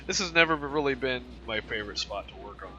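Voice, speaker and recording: A man giving casual game commentary, rambling and thinking aloud, with train engines rumbling behind him. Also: animated, fast talker, muffled recording. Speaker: gamer showing a train simulator. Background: loud train simulator engine noise.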